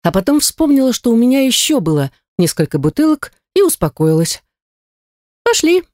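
A woman narrating a fantasy audiobook with expressive storytelling. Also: on the high side, brisk, no room sound, studio quality. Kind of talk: scripted narration.

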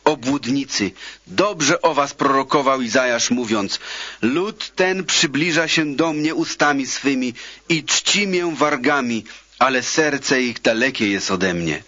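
Man reading bible verses real slow, bright voice, dry muffled old recording. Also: medium pitch, lively intonation, dry recording. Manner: slow, measured solemn delivery. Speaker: Bible reader. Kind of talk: scripture reading.

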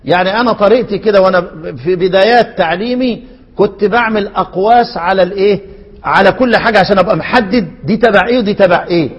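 A man with an Egyptian accent teaching a recitation poem in class, chanting its verses slowly and asking his students to finish his questions. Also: sits high, slightly rough, in a large hall, lo-fi sound. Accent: Egyptian Arabic. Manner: asks questions and lets students fill in the answer.

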